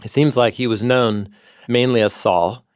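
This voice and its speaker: A man's voice: mid-range voice, fairly even intonation, a little slow, smooth, dry recording, studio quality. A man co-hosting a podcast, explaining old texts and word meanings with scholarly enthusiasm. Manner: enthusiastic scholarly explaining, citing ancient sources. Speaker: podcast co-host, Bible teacher.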